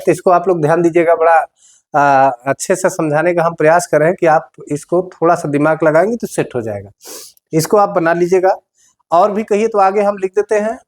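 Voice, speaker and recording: A man with a high voice teaches a grammar lesson for exam students. He explains patiently and repeats key words. He speaks straight to his class. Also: a little mellow.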